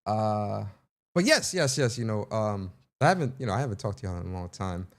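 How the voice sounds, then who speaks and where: A young man hosting a casual livestream, playful and animated, talking straight to his chat. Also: on the low side, fairly quick. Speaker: livestream host.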